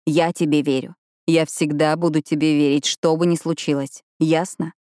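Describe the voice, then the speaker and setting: A woman's voice: low-pitched, little pitch movement, moderate pace, a little mellow, no room sound, lightly acted. A woman reading the part of a teasing, tender young man in an audiobook, with a close, dry sound. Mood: gentle.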